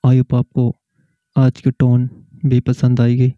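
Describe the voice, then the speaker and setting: A man hosting a keyboard tutorial, slowly explaining each setting step by step. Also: mid-range voice, monotone, dry recording. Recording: muffled, slightly lo-fi audio.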